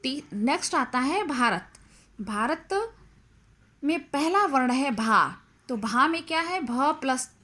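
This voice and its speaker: A woman's voice: sits high, pushed and bright. A woman teacher explaining a grammar lesson, carefully breaking words into their sounds one by one. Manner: slow, deliberate, spelling out sounds one by one.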